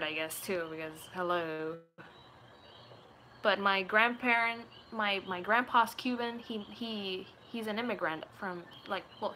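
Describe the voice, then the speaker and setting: In a casual live chat recorded on a noisy home webcam in a small room, a twenty-year-old Puerto Rican video creator talks to viewers playfully and ramblingly like a vlogger, dipping into put-on accents and voices. Her medium-pitched voice has a bright, forceful tone.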